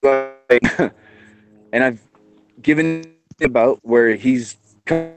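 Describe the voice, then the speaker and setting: A man's voice: mid-range voice, extremely slow, gravelly, music in the background, low-quality recording. Man on a choppy, breaking-up call line. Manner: rambling, loose, full of restarts. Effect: breaking-up bad call connection. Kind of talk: casual chat on an online call. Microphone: phone on a call.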